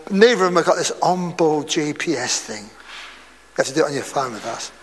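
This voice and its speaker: A male preacher with a notably high voice delivers a sermon in a relaxed, talkative manner, breaking off for asides and light jokes. His voice rings out with a long echo, recorded in a church hall before a congregation. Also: brisk, slightly rough. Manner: conversational preaching with chatty asides and humor. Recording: reverberant hall.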